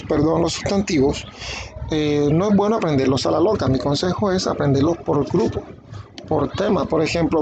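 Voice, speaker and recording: A man giving a beginner English lesson in Spanish, saying English words slowly and then their meaning. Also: a little high, noisy background. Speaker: English teacher.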